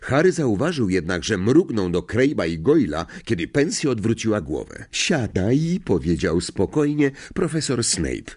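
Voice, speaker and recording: A man narrating a story in a scripted, expressive way, giving each character a voice of their own. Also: on the low side, normal speed, hardly any pauses, breathy edge. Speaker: audiobook narrator.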